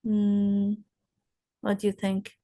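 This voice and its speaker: Slow-paced teacher, woman. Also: mid-range voice, monotone, mellow. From Palestine. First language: Arabic. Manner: slow, explaining, asks rhetorical questions. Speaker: English teacher. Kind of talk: recorded classroom lesson.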